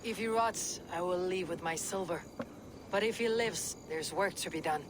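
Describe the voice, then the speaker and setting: Woman as a low-voiced, blunt Dane warrior. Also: normal speed, background noise, close to an everyday voice. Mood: skeptical, blunt. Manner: terse, dry, guarded. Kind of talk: video game character acting.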